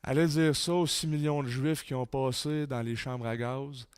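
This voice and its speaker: Québécois man preaching, smooth voice. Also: steady tone, normal speed, darkish tone, no room sound, studio quality. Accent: Québécois French. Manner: reads quotes aloud with rising intensity, drops low for emphasis. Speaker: conference speaker. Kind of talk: sermon-style lecture. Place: church.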